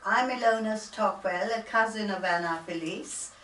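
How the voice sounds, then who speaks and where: A woman's voice: medium pitch, normal speed, fairly bright tone, a little hiss or hum. A woman in her seventies introducing herself in a friendly, slightly hesitant way at a sing-along. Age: 70s. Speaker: guest. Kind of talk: casual self-introduction. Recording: roomy hall from a distance.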